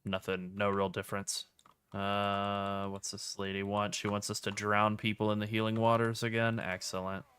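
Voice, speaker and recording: Low, bright-toned man chatting over gameplay. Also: normal speed, clear, resonant tone. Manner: relaxed, dry joking. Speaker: streamer. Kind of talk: casual gameplay commentary.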